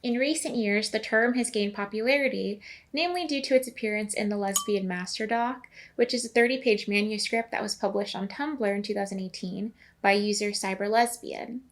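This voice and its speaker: A woman's voice: mid-range voice, fairly quick, a little hiss or hum. A young woman narrating a video essay in a casual, chatty way, with asides to the viewer.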